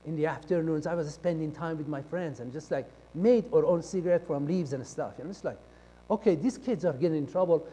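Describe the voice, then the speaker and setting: Casting: man from Iran, high voice, telling his testimony, acting out the dialogue, loud one moment and hushed the next. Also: fairly quick. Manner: acts out quoted dialogue, shifting between loud and hushed. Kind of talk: personal testimony storytelling. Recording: long reverb of a large hall.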